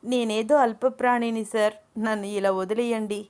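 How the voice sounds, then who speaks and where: A woman voicing a playful, cheeky young female student who pleads and teases in quick bursts. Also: fairly high pitch, fairly even intonation, darkish tone, clear, resonant tone, lightly acted. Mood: playful pleading. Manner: pleading, teasing, talks fast.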